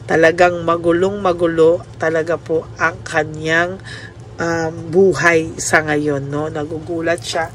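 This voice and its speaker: Gentle woman host giving a personal reading. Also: sits low, level tone, unhurried, slight background noise. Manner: polite, says "po" often and ends many lines with a questioning "no?"; mixes English words into Tagalog speech. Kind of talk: soft-spoken reading addressed to the listener.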